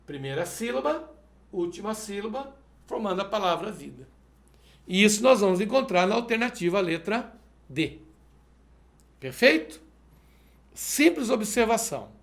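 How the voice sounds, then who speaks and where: A man's voice: high-pitched, big pitch swings, normal speed, creaky, long pauses, a bit bright, reverberant. A male math teacher solving exercises step by step in a video lesson, checking in with the viewer as he goes. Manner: methodical, explains step by step, asks "perfeito?".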